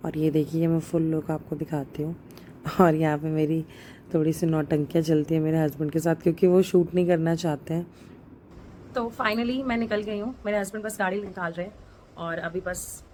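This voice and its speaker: A woman's voice: on the low side, steady tone, a little fast, warm tone, a little hiss or hum. A young woman chatting casually as she narrates her vlog, with many fillers and English words mixed in. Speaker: vlogger.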